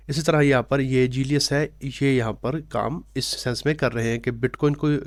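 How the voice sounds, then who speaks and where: A man hosting a casual screen-share explainer, talking steadily and mixing in English tech terms, pausing with "uh" fillers as he goes. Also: mid-range voice, dry recording. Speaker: crypto channel host.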